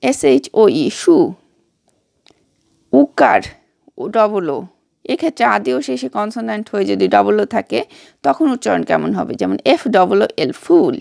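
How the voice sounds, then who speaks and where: A woman's voice: on the high side, vocal fry, a little mellow, dry recording, studio quality. A woman hosting a pronunciation lesson who spells English words letter by letter and then says each one aloud. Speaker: channel host and English teacher.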